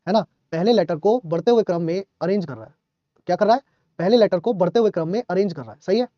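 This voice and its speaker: A man teaching a live online class, talking fast and chatty, joking while he scolds his students. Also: high-pitched, warm tone, no echo, dull audio.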